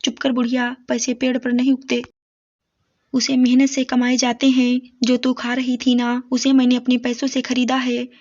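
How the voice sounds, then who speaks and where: A woman's voice: sits high, monotone, moderate pace, a little mellow. A woman voicing a cruel grown son who scolds his old mother harshly in a told story. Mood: angry. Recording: dull lo-fi recording.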